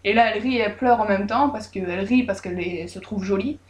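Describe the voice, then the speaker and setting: A woman casually retelling a folk tale with lively, irreverent, joking asides. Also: mid-range voice, fast. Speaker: storyteller. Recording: roomy echo.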